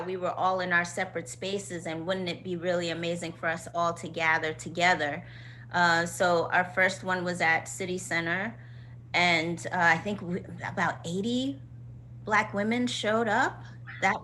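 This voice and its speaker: Bright-voiced woman with a Queens accent. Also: on the low side, a little hiss or hum. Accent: Queens, New York. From Queens, New York, United States. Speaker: guest, choreographer and company founder. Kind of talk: casual interview talk.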